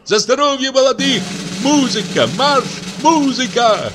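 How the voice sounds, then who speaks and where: A man voicing a flustered, fawning middle-aged man who hushes quarrels and shouts wedding toasts in an audiobook play. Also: on the high side, very animated, unhurried, music in the background. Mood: toasting. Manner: embarrassed, then loud toasting.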